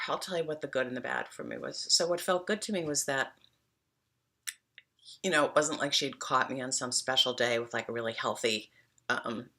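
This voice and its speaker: Middle-aged lady rambling about what she eats, bright gravelly voice, lots of ums. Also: extremely low pitch. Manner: rambling, chatty, many fillers. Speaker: wellness coach vlogger. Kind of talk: casual chat to camera.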